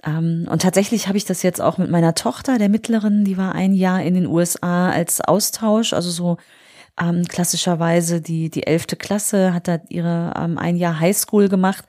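A woman in her forties, nursing a cold while indoors on holiday, hosts her motivational solo podcast. She speaks to the listener with earnest encouragement in a fairly low, darkish voice, keeping a steady tone and normal speed.

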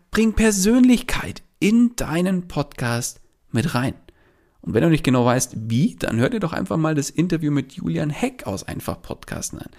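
A man whose voice is a little high and a little mellow delivers a solo podcast monologue. He tells a story about a client and offers listeners direct coaching in a casual way, sprinkling in many filler words.

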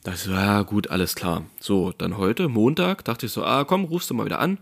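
A man's voice: on the low side, fairly quick, gravelly. A man telling a story in casual chat, acting out phone calls with raised voices.

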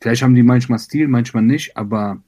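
A man from Iran, a rapper being interviewed, talking reflectively with many pauses, fillers and repeated words. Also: mid-range voice, dark tone. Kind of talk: conversational interview.

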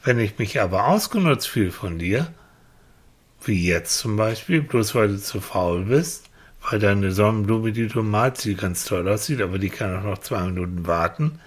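A man playing a patient, fair-minded friend who calmly lectures and sets limits in a children's puppet comedy. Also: lowish voice, normal speed, husky. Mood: lecturing.

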